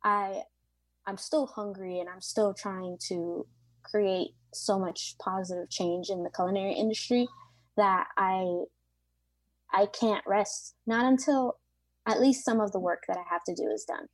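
A pastry chef in her late twenties is interviewed, speaking a little slowly in a steady, medium-pitched voice with no echo. She comes across as earnest and reflective, using frequent fillers.

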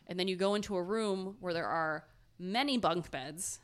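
A woman's voice: on the low side, moderate pace. A young woman co-hosting a casual podcast, telling a story in a rambling, giggly way with chatty asides.

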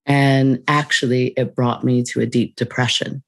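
Gravelly-voiced guest telling a life story. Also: medium pitch, little pitch movement. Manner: reflective, unhurried, with frequent fillers and soft laughs. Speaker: interview guest. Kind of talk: casual personal storytelling.

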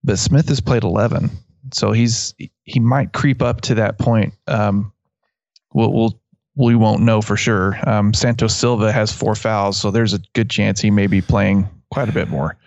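A man's voice: fairly low pitch, steady tone, unhurried, darkish tone, no echo, muffled recording. A man with a West Texas twang chatting casually about sports as a podcast co-host. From West Texas, USA.

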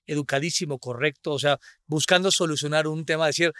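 A Mexican man with a bright, fairly high voice wanders through his thoughts, stopping and restarting as a podcast co-host. The recording is dry and close. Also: fairly even intonation, dry recording. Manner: rambling, halting, full of fillers. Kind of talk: casual podcast chat.

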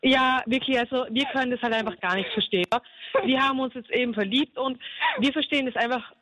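A woman's voice: sits high, fast talker, fairly bright tone, no room sound, poor audio. A woman calling a radio show, earnest and indignant, trying to soothe her friend. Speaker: caller. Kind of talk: emotional call to a radio show.

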